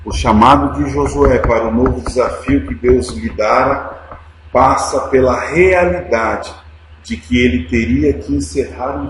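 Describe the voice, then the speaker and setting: Preaching a Sunday sermon in a church sanctuary, this pastor speaks with a Brazilian Portuguese accent and a mid-range voice, addressing the congregation as brothers and dear ones. His delivery is emphatic, moving between quiet and loud, and the noisy recording carries heavy church echo.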